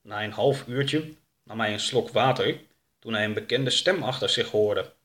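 A man reading a storybook aloud as narrator, expressive. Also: lowish voice, a little slow.

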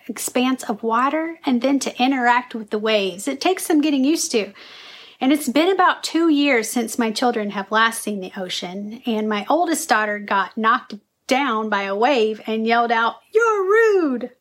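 A woman in her thirties from Tennessee hosts a faith vlog, speaking in a somewhat high voice. She keeps an earnest teaching tone with a touch of humor and delivers scripted commentary. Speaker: vlog host.

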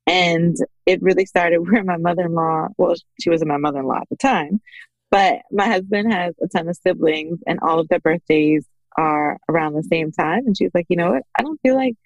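A Bahamian woman in her thirties, a small business owner appearing as a podcast guest, tells personal stories conversationally and grows animated when she quotes people. Her voice is lowish and her pace normal. There's no room sound, though the recording is rough.

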